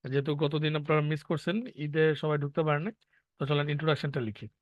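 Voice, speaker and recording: A man's voice: a little high, fairly even intonation, quick pace, no echo. A man teaching an online language class, explaining step by step and asking his students questions. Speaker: English teacher. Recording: dull lo-fi online class audio.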